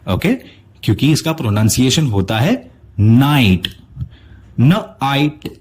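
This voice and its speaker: Man, English teacher, video lesson, husky, sounds out words, animated pitch. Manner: slow, drawn-out sounding out of word sounds; encouraging, addresses viewers directly. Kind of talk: recorded language lesson.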